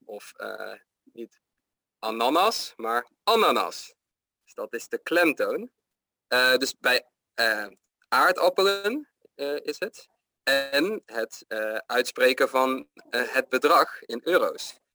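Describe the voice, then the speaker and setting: A man's voice: mid-range voice, slow, bright, forceful tone, no room sound. A man giving pronunciation feedback in casual chat, hesitant and full of fillers. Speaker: pronunciation coach.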